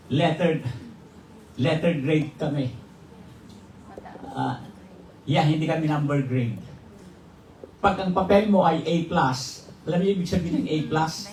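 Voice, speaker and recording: A man's voice: fairly high pitch, a little mellow. A Filipino man, a pastor, giving a humorous testimony in a sermon to his congregation. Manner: jokes and laughs with the congregation. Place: church hall. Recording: roomy, distant mic, faint ambience.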